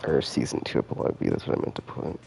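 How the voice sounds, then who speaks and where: With a warm tone, a man races through casual live game stream commentary, rambling and thinking aloud in a laid-back, slangy style. Game music plays behind him indoors, and there's slight background noise.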